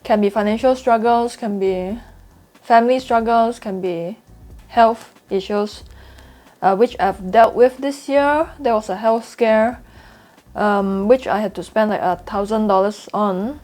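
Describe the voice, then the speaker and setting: Unhurried and a little mellow, the mid-range voice of a young Singaporean-accented woman, a trading YouTuber, speaks candidly in a vlog. Earnest and confiding, she circles back to repeat points for emphasis.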